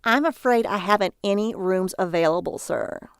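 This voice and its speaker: A woman's voice: medium pitch, clean tone, no room sound, studio quality, close to an everyday voice. A woman playing a stiff, cold hotel clerk. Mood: coldly polite. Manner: slow, clipped, coldly formal.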